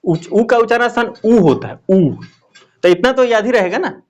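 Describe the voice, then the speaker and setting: A man's voice: high voice, expressive, moderate pace. A male teacher giving a classroom lesson, often asking questions and repeating the answers.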